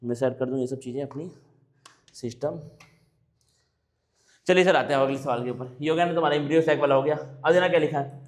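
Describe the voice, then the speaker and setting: A young man teaching an exam-prep biology lesson, asking himself rhetorical questions and answering them, and reading English terms out slowly. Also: sits high. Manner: mixes Hindi with English technical terms, reads options slowly.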